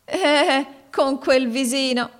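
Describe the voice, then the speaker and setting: A woman's voice: medium pitch, lively intonation, a little fast, lightly acted. A woman reading an audiobook, voicing a brash, mocking maidservant of fifty who talks impatiently and brusquely.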